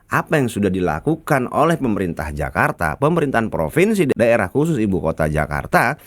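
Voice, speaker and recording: Male commentator, Sundanese accent, low and lively delivery, casual rebuttal tone. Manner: chatty, colloquial, animated rebuttals. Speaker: political commentator. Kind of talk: commentary vlog rebutting an article.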